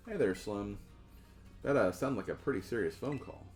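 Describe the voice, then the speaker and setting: A man's voice: on the low side, expressive, moderate pace, darkish tone, soft background music, lightly acted. A man voicing a shy, flustered teen girl. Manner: hesitant, flustered, trailing off.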